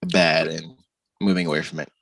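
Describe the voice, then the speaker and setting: A man's voice: a bass voice, level tone, normal speed, creaky, recorded from a distance, crowd noise, rough recording. A man chatting casually as a guest on a talk show, his mic cutting in and out so his volume keeps jumping. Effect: mic cutting in and out, uneven volume. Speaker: show producer joining the chat. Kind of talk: casual chat.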